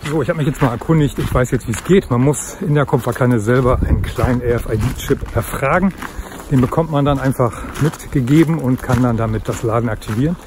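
Filming himself on a phone at arm's length, a vlogger in his forties chats briskly through a travel video, his voice mid-range. He thinks out loud and explains as he goes, first outside by a car park and then in a car, with heavy outdoor noise in the background.

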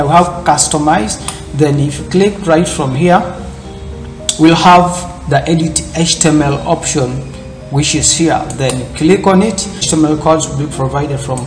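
A fairly high male voice with a roomy sound narrates a screen-recorded tech tutorial. The host, shown in a corner webcam inside a room, goes through the steps in a loose, repetitive way, using many fillers.

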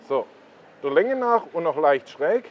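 Guy walking you round a pond, kinda high voice, bit of outdoor noise. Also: big pitch swings, a little slow, dull audio. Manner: explains while pointing things out to the viewer. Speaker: koi blog host. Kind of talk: casual on-site explanation.

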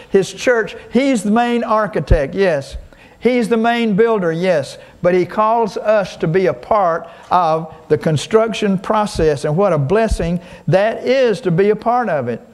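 High-voiced preaching man, slow and emphatic. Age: older. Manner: preacherly, slow emphatic cadence with call-and-response. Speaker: pastor. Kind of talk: sermon.

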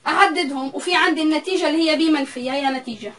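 A woman teaches a recorded math lecture. Her voice sits high, and she works through the material step by step, saying each value aloud more than once. The mic is some way off, so she sounds a little distant. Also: rapid-fire, a bit bright.

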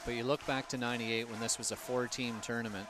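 A man giving color commentary on a lacrosse game, relaxed and analytical, joking with his partner. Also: mid-range voice, quick pace. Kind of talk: live sports commentary. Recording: noisy outdoor ambience behind the mic.

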